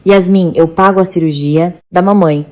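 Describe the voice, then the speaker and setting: A woman's voice: lowish voice, fairly even intonation, normal speed, mellow, close to an everyday voice. A woman voicing a caring adult brother who speaks firmly and insistently in a narrated story.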